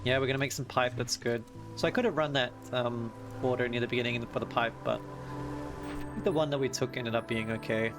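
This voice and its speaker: A man's voice: medium pitch, fairly even intonation, a little fast. A man streaming a strategy game, talking casually to himself, correcting himself and musing over choices. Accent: Australian. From Australia. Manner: thinking aloud, self-correcting. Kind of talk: casual gameplay commentary. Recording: music playing under voice.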